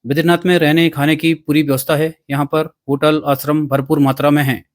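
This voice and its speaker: A man's voice: fairly high pitch, little pitch movement, a little fast. A man hosting a travel vlog, narrating practical information and showing viewers around.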